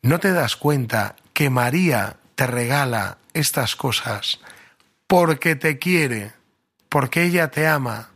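Knowing teasing mother, as a preacher puts her on, husky. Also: medium pitch, expressive, slow, a bit bright. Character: knowing, wry middle-aged mother.

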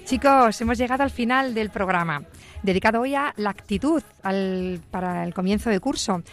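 Woman radio host, patient and teacherly, mid-pitched, faint music underneath. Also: animated. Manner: patient, teacherly, reads clues slowly and clearly. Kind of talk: hosting a word quiz with children.

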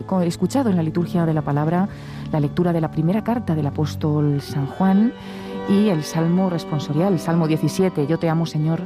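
A woman with a low voice gives live commentary on a religious ceremony. She is measured and reverent as she explains it, with music clearly playing behind her. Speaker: broadcast commentator.

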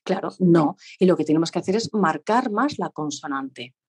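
Woman vocal coach on a radio talk show, animated and demonstrative, slightly low voice. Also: moderate pace, breathy edge. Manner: lively, demonstrative, laughs often. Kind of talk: radio interview, explaining. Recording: radio studio.

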